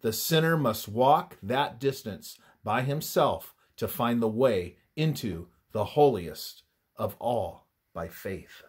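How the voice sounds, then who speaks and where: This is a man reading a prepared religious study, instructive and measured, letting many phrases drop away softly at their close. The voice is mid-range and a bit rough, carried by lively intonation.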